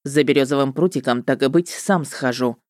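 A pushy, self-assured male witcher from a fantasy audiobook, pitched low and gruff, as a woman reader puts him on. He talks in a curt, businesslike way and brushes off questions. The voice sounds close and dry. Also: moderate pace, a little mellow, no echo. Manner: curt, dismissive, matter-of-fact. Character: brash, cocky male witcher, businesslike and sly.

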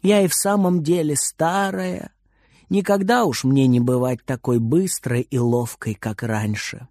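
A man's voice: medium pitch, unhurried, a little mellow, no echo, clean studio sound, lightly acted. A man voicing an old grandmother in a storybook reading, scolding and fussy in a raised voice. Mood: sad. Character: old grandmother, cross but loving.

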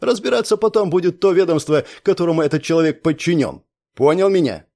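A man's voice: on the high side, expressive, quick pace, voice pushed up. A man doing a browbeating police colonel. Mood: commanding. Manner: forceful, browbeating. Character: commanding middle-aged male police colonel, domineering.

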